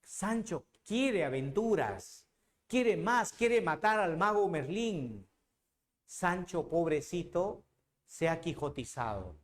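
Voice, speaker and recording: A man's voice: a little high, big pitch swings, takes it slowly. A man, teaching literature as a dramatic storyteller who talks straight to the student. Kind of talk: animated lecture.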